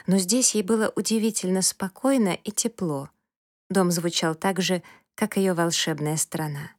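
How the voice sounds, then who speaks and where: Calm woman reading a children's story. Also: on the low side, moderate pace, dry recording, clean studio sound. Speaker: audiobook narrator. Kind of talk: scripted storybook narration.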